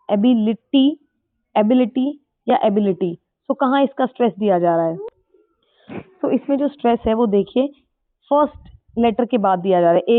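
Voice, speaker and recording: A woman teacher, explaining exam questions step by step, mixing Hindi with English and reading the English question text slowly. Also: mid-range voice, no room sound. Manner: explains step by step, repeats answers, checks with "ठीक है". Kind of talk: exam-prep lesson in Hindi mixed with English. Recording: dry, tinny phone-like sound.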